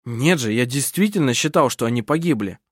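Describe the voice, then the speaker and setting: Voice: medium pitch, animated, a little fast, no room sound, clean studio sound, lightly acted. A reader voicing a sour, sarcastic young man in an audiobook.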